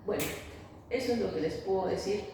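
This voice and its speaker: A woman's voice: medium pitch, brisk, warm tone. A woman family therapist speaking, hesitant with many fillers and restarts. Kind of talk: interview, explaining to an interviewer. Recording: echoey room, voice far from mic, faint noise.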